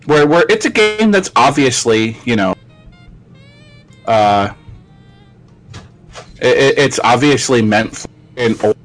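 A man's voice: mid-range voice, lively intonation, takes it slowly, long pauses, fairly bright tone, soft background music. A man hosting a casual gaming chat over an online call, his audio choppy with words dropping out mid-sentence, restarting his thoughts as he goes. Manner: thinks aloud with restarts and fillers. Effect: choppy call audio with words cutting out. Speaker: podcast host. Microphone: internet voice call.

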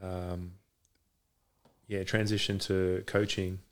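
Speaking slowly from his home garage, a man who coaches boxing appears as a podcast guest. His low voice barely moves in pitch, and his casual talk comes out hesitant and rambling.

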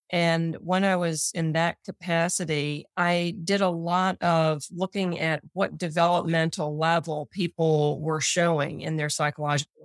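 An older woman with a Tidewater Virginia accent, explaining things in a measured, conversational way as an interview guest. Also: deep voice, dry recording. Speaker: interview guest, clinical psychologist.

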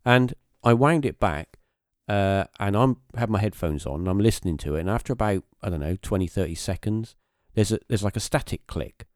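Deep-voiced man telling a story. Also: animated, fairly quick, no room sound, clean studio sound. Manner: rambling, hesitant, many fillers and restarts. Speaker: podcast host. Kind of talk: casual conversational storytelling.

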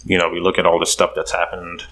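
Deep-voiced man from Curaçao, bright tone. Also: quick pace, a little hiss or hum, rough recording. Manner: relaxed storytelling with many fillers. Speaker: podcast guest. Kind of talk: casual interview.

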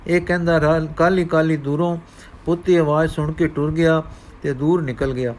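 A man narrating a devotional story aloud in measured storytelling. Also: on the high side, steady tone, a little mellow.

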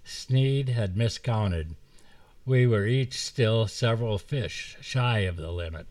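An older man reading comic short stories aloud in a wry, unhurried way, recorded at home from a distant mic in a dry room. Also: on the low side, expressive, darkish tone, no room sound. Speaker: storyteller.

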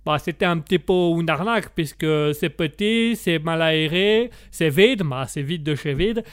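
A man voicing a chatty Italian pasta maker in a put-on Italian accent, speaking slowly and haltingly and filling gaps with "ma". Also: on the high side, animated, dry recording, studio quality, lightly acted. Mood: rambling. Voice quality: slow and halting, fills gaps with "ma".

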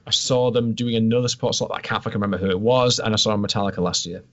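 A man's voice: lowish voice, steady tone, rapid-fire, fairly bright tone. A man from England in casual chat as a podcast co-host, dry, teasing and blunt with swearing. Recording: dull lo-fi sound.

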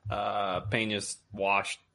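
A man's voice: on the low side, completely flat delivery, very slow, vocal fry, pushed and bright. A man co-hosting a casual sports podcast, giving blunt, clipped fight verdicts. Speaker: podcast co-host.

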